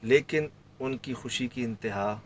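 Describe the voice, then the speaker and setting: A man's voice: mid-range voice, dull audio, a little hiss or hum. A man from Sindh telling a story in casual conversation, acting out the lines of the people in it. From Sindh, Pakistan. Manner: animated, acts out quoted lines. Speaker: guest recounting a field trip.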